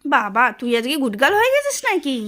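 A woman's voice: sits high, wildly swooping pitch, a little fast, sharp tone. A middle-aged woman from West Bengal, India, vlogging at home in a casual domestic style and venting her complaints at length in an aggrieved tone. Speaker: vlogger and housewife.

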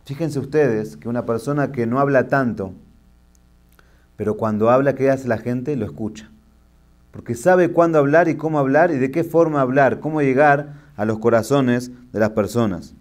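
A middle-aged man, a rabbi giving a sermon and telling jokes as a lively storyteller. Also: mid-range voice, moderate pace.

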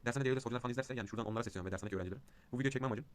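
A man's voice: medium pitch, rapid-fire. A young man talking casually to the camera in a vlog, rambling with many fillers and ranting when annoyed. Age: young adult. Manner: agitated ranting. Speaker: vlogger. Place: outdoors in cold wind.

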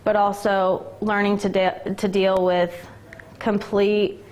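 In an indoor gym locker room, a former college basketball player in her twenties gives a candid, emotional interview full of "like" and "um." She speaks slowly with a flat delivery in a medium-pitched, slightly mellow voice.

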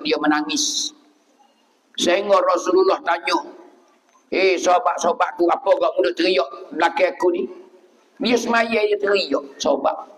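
High-voiced preacher with Patani Malay accent. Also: male voice, in a large hall, poor audio. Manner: animated, repetitive preaching with sudden loud bursts. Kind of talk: sermon. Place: mosque.

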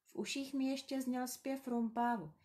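A woman narrates a children's story in a calm, tender reading. Her voice sits a little high and moves gently and slowly through the sentences.

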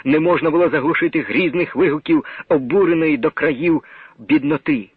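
A man giving a grave, measured dramatic reading of a novel as narrator. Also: on the high side, husky, no echo. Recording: narrow old radio broadcast sound.

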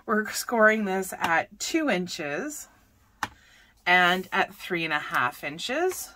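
Woman host of a craft tutorial: chatty, self-correcting, unhurried delivery, clear bright tone. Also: lowish voice, a little hiss or hum. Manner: chatty, self-correcting, talks while working.

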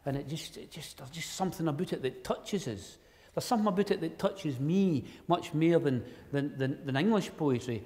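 A man's voice: on the high side, expressive, moderate pace, darkish tone. Broad Scottish man, echoey hall. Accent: broad Ayrshire Scottish. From Ayrshire, Scotland. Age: middle-aged. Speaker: poet and speaker. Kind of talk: public talk in Scots on poetry, with recitation. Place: large wood-panelled hall, indoors. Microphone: handheld-type microphone on a stand at lectern. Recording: echoey hall, long reverb.

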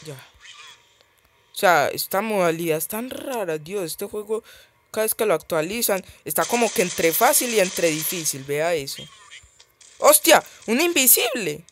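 A man's voice: sits high, animated, moderate pace, noisy background. A man giving casual gameplay commentary as he plays a mobile game, chatty and thinking aloud, easily startled.

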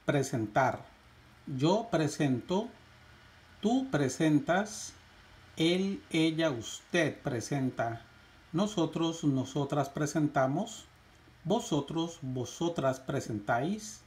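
A man teaching a lesson, reciting verb conjugations in a slow, measured drill with rising lists. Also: fairly high pitch, animated, a little mellow. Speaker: Spanish teacher.

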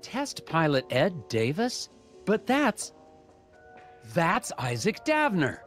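A man's voice: sits high, huge pitch swings, slow pace, faint music behind, full character voice. A man voicing an earnest, by-the-book puzzle-game detective with a stiff, formal, hesitant delivery. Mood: puzzled. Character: earnest, awkward, by-the-book male FBI puzzle agent. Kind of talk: cartoon game dialogue and noir-like narration.

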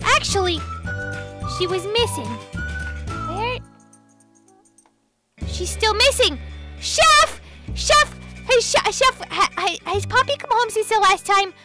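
A woman voicing a chatty young girl heroine in a game roleplay, rambling and animated. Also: very high voice, unhurried, long pauses, music in the background. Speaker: channel host. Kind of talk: Minecraft roleplay voice acting.

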